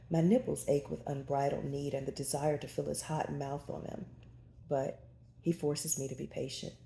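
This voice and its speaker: A woman narrating a first-person romance audiobook in an intimate, breathy storytelling manner. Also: low-pitched, dark tone, reverberant, a little hiss or hum.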